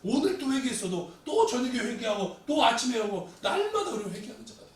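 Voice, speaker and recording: A high-voiced male pastor preaching a Sunday sermon, rising to loud pleas and dropping to quiet asides. He is recorded from a distance in a very echoey church sanctuary. Faint room noise sits under his voice. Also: big pitch swings, fairly quick.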